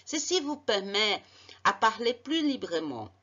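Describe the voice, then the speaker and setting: A woman's voice: mid-range voice, big pitch swings, measured pace, sharp tone, dull audio. A woman giving a narrated slide lesson as a marketing coach, emphatic and encouraging, often repeating and correcting herself as she talks. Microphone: voice-over on slides.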